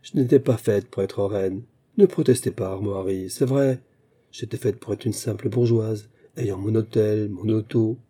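A man's voice: on the low side, steady tone, normal speed, mellow, breathy edge. A man reading the part of a flighty, whimsical young princess in an audiobook, with a light, chattering manner.

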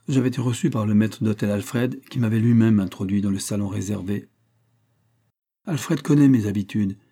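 A man giving a steady, measured reading of a crime novel as an audiobook narrator. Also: on the low side.

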